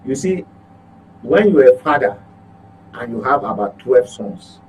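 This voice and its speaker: A man with a Nigerian accent, speaking as a journalist on a talk show, gives emphatic political commentary in a medium-pitched, darkish voice with lively intonation, a little slow and lo-fi. He often repeats and corrects himself. Electrical hum leaves the recording clearly noisy.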